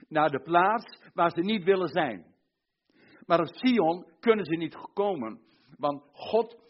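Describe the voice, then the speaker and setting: A man preaching a sermon emphatically, with repetitive build-ups, on a muffled lo-fi recording. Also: on the high side.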